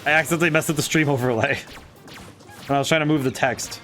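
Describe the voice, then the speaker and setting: A young man talks through his live game stream in a loose, chatty way, laughing a lot and tripping over his own sentences. His voice sits a little high for a man. Faint game music plays behind him. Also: steady tone, fast, a bit bright. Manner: chatty, giggly, self-correcting with frequent laughs. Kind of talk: casual live-stream commentary while playing.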